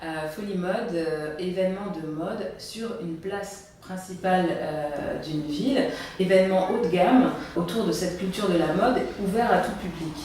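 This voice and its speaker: A woman interviewer with a lowish voice asks long, hesitant questions full of fillers. She sounds far from the mic in a very echoey room. Faint noise lingers underneath. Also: measured pace, darkish tone.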